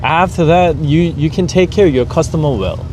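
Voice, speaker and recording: A man's voice: a little high, a little fast, over music. A man who runs a company, talking earnestly with drivers over dinner and explaining his plans with many restarts. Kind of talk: casual dinner conversation. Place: outdoor parking lot. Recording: noisy outdoor parking lot.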